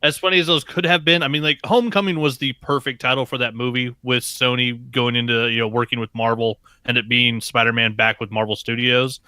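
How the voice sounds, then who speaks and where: A man co-hosting a casual podcast, tossing in dry, deadpan remarks. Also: medium pitch, a little fast, few pauses, smooth, no echo. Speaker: podcast co-host.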